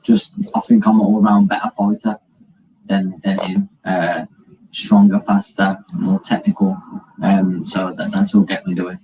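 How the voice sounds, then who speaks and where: A man's voice: deep voice, a little slow. A man with a Birmingham English accent, a boxer speaking confidently with hesitant fillers in a pre-fight interview. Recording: dull lo-fi clip with faint noise.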